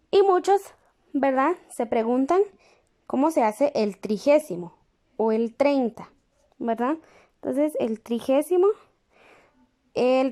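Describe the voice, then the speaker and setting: A woman teaches with a high, mellow voice and an unhurried pace. She repeats each word carefully and keeps stopping to check that her students are following. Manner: patient, repeats each word slowly for copying; checks in with the class through questions. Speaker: language teacher. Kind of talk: slow classroom lesson, writing while explaining.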